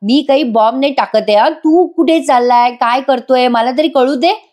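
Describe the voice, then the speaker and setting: A woman's voice: sits high, normal speed, close to an everyday voice. A woman voicing a cheeky young male friend who refuses to apologize. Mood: defiant. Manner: defiant, loud.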